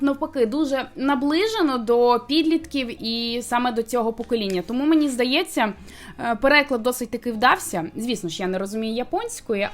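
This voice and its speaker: A woman in casual chat, reviewing a manga and explaining her points with a steady flow of fillers. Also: a little high. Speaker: booktuber co-host reviewing manga.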